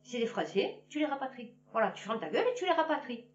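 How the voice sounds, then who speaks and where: A woman's voice: a little high, big pitch swings, fast. A woman giving a blunt, heated opinion in casual slang, repeating her phrases for emphasis. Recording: muffled, from a distance.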